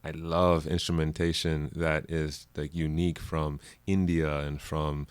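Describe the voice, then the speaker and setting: A man from Jamaica with a very deep voice chats casually as a guest, rambling with plenty of fillers and easy laughter. The recording is dry and close. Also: a little slow, smooth, no echo. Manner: laughs often, relaxed rambling with many fillers. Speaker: musician guest. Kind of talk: casual interview chat.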